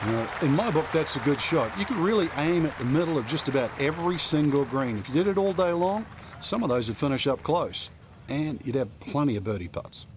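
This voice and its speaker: A man's voice: fairly high pitch, expressive, a little fast, lightly acted. A man giving conversational, opinionated color commentary as a golf commentator. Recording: crowd and outdoor noise behind. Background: crowd, outdoor ambience.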